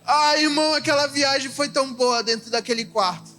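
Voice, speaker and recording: A young Brazilian man preaching in church with a high, bright, ringing voice. He moves between fervent outbursts and hushed, confiding stretches. Soft music plays quietly behind him. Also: a little fast. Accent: Brazilian Portuguese. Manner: fervent, shifting between loud exclaiming and soft confiding, calls listeners "irmão". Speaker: evangelist preacher. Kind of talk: emotional sermon with personal testimony. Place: church service.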